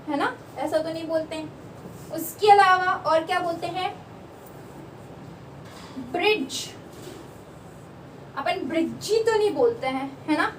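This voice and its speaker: A woman teaching a lesson, explaining slowly, repeating words and checking that students follow. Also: sits high. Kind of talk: classroom lesson. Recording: echoey room, voice from far off, faint background noise.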